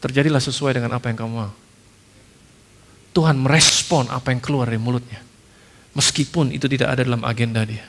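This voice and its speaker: A male pastor preaching a sermon in an animated storytelling way, tossing in English phrases and humorous asides. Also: medium pitch, fairly quick, long pauses, in a large hall, slight background noise.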